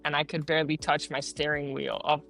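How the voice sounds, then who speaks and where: A man's voice: a little high, little pitch movement, a little fast, vocal fry, pushed and bright, soft background music. A young man in his late teens, originally from the Netherlands, answering interview questions in an earnest, casual way with many fillers. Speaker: guest.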